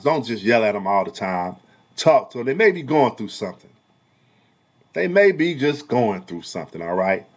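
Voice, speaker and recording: A man who is a parent and a barber, talking heatedly in a casual commentary vlog, repeating himself in a preachy way and swinging between loud and soft. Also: mid-range voice, muffled recording. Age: adult parent. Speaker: vlogger and barber.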